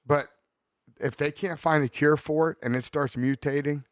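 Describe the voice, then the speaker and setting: A man's voice: a little high, steady tone, moderate pace, dry recording, clean studio sound. A man in his thirties hosting a podcast, chatting casually in a rambling, profane way and laughing often. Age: 30s. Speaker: podcast host. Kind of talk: casual chat.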